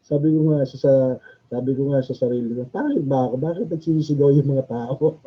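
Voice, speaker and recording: A man's voice: medium pitch, a little fast, breathy edge. A male chaplain, preaching in a chatty way, laughing often and asking the audience questions. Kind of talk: sermon. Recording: dull lo-fi recording.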